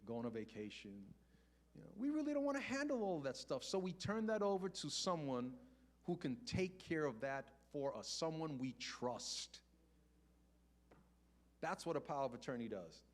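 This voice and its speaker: An older man giving a conversational finance talk to a church congregation. He asks rhetorical questions and slows down to repeat key points. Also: mid-range voice, very animated. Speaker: guest speaker on personal finance. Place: church sanctuary before a congregation.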